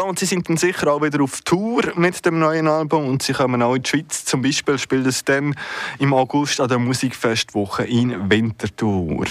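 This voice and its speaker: A man presenting a music radio show in a relaxed, chatty way, with hesitant fillers and self-corrections. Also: mid-range voice, dry recording. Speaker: radio host.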